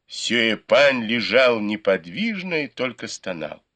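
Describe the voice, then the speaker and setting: A man reading a novel aloud in measured, scripted narration. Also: mid-range voice, very animated, sharp tone. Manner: measured storytelling. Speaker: audiobook reader.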